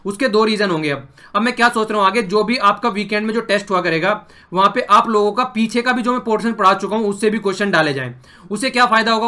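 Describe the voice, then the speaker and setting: A man's voice: sits high, sharp tone. A young man teaching an exam-prep lecture to online viewers, earnest and persuasive. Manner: earnest, repeats promises and appeals.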